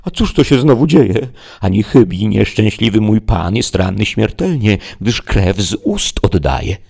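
A man reading a storybook aloud, voicing an excitable, fretful peasant squire with loud, alarmed exclamations. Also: fairly low pitch, unhurried, gravelly, breathy edge, pitched above the performer's own voice, heavily acted.

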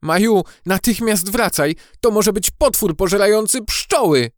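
A man's voice: sits high, measured pace, no room sound, studio quality, pitched above the performer's own voice. A man voicing a timid, greedy young male drone bee in a storybook audiobook, speaking fearfully. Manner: fearful, anxious.

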